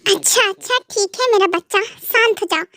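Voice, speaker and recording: A woman's voice: extremely high pitch, fairly quick, sharp tone, dry recording, clean studio sound, full character voice. A young woman voicing a possessive young male mafia husband in a Hindi fan dub, scolding and then coaxing.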